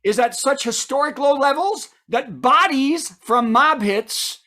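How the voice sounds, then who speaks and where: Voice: high voice, lively intonation, measured pace, bright, forceful tone. A comedy host delivering a punchy late-night style monologue, setting up news items and punchlines with asides to the audience.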